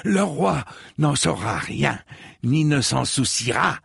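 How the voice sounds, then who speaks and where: A man's voice: medium pitch, lively intonation, slow, gravelly, fairly bright tone, husky, dry recording, studio quality, pitched above the performer's own voice, exaggerated voice. A man voicing a pious septon who coaxes and pleads, in an audiobook reading. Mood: coaxing.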